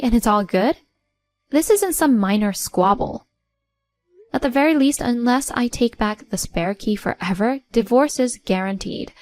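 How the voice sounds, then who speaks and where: A woman with a fairly high voice narrates a first-person story, blunt and cold as she confronts someone. The sound is dry and close to the mic, with faint music playing underneath. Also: no room sound.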